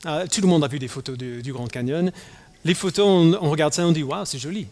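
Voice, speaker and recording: Man, pastor, raised in the US; halting sermon delivery full of restarts; long church-hall reverb. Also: on the high side, a little mellow. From United States. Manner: halting, many fillers and restarts.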